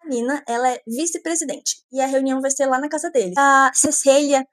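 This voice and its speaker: Girl gossiping through a book plot, sarcastic side comments, high voice, dry close sound. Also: fairly even intonation, brisk, no echo. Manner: chatty with sarcastic asides. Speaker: book reviewer. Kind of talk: casual book recap.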